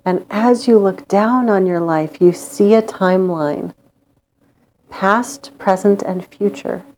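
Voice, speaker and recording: A woman leading a guided meditation in a calm, gentle, soothing manner with long pauses. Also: medium pitch, a little hiss or hum.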